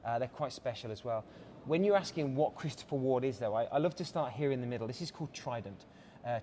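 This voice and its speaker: In a busy watch showroom, an Englishman serving as brand director enthusiastically tours a product with polished sales talk and many "uh" fillers. His voice is medium-pitched and darkish, with slight background noise.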